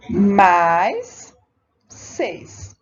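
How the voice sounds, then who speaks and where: A woman's voice: medium pitch, huge pitch swings, muffled recording, slight background noise. A Brazilian woman teacher with a Brazilian Portuguese accent, patiently walking a young pupil through worksheets in a recorded remote lesson. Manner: slow, patient, addresses a child directly with tag questions. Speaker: primary school teacher.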